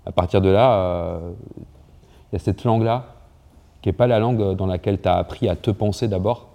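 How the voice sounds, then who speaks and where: A young French writer and poet speaks about language in an interview, with a neutral Parisian accent. His voice is fairly low, gravelly and dark, a little fast, and he's hesitant, restarting often and using lots of fillers.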